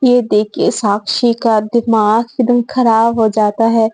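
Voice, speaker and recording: A woman's voice: fairly high pitch, little pitch movement, takes it slowly, mellow, no room sound. A woman casually narrating a love story in a chatty way, mixing in English words.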